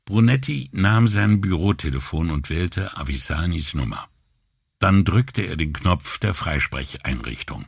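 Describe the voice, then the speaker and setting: A man narrating an audiobook in a measured, expressive manner. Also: low voice, gravelly, slightly rough, no room sound, studio quality.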